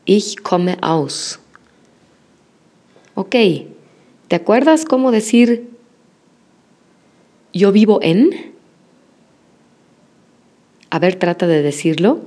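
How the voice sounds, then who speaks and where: A woman teaching a language lesson, modeling words slowly and praising the listener after each repetition. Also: medium pitch, sing-song, dark tone. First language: Spanish. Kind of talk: slow, patient language lesson with repetition drills.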